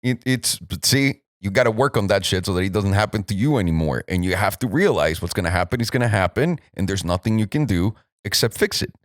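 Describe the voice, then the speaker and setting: A man from Mexico chats on a podcast in a low voice that swings widely in pitch. He tells stories with candid, profane energy. The sound is dry and close. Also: a little fast, few pauses, no room sound. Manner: candid, swears freely, animated storytelling. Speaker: podcast co-host. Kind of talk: casual podcast chat.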